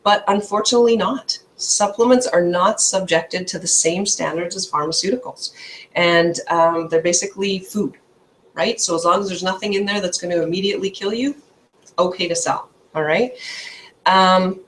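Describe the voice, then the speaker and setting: A woman's voice: lowish voice, moderate pace, fairly bright tone, a little hiss or hum. A woman health coach from Canada giving an informal talk, emphatic and chatty, checking in with "okay?" after her points.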